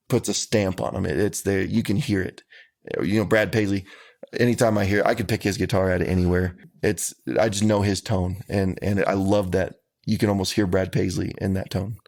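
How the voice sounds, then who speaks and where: A man's voice: low voice, darkish tone. A man, a country singer answering interview questions in an earnest, folksy way. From Texas.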